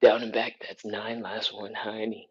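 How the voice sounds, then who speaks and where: A stretching instructor with a very low voice and a sniffly cold live-streams a home stretching session, counting reps in short cues between breathy sighs. He speaks unhurriedly with little pitch movement. The audio is slightly dull and lo-fi, as if from a webcam mic across the room.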